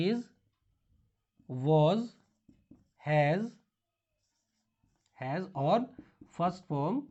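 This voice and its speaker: Teaching English grammar in a classroom, an Indian-accented man explains slowly using Hindi and English together and spells out words. His voice is a little high and dark-toned, and the recording is muffled.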